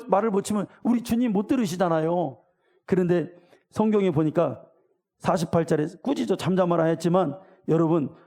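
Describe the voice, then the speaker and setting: A man's voice: high voice, vocal fry, mellow. A middle-aged man preaching a sermon as pastor, talking colloquially and questioning his congregation. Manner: acts out voices of the people in the story.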